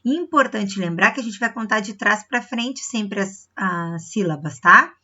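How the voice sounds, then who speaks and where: A woman teacher with a bright, clear, mid-range voice takes children through a review lesson, animated but unhurried. She explains patiently, checks in often and stretches words to show their stress. The audio is dull and lo-fi, like a home video.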